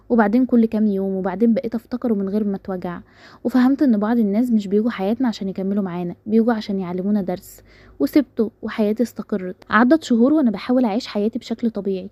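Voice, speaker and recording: Fast-talking Egyptian woman storyteller. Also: mid-range voice, no room sound, highs cut off. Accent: Egyptian Arabic. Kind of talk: scripted first-person narration.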